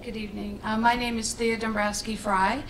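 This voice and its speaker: A woman's voice: level tone, moderate pace, fairly bright tone. Long Island woman heard from a distant mic. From eastern Long Island. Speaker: town board candidate, teaching assistant. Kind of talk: opening statement at a debate. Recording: distant mic, faint rumble.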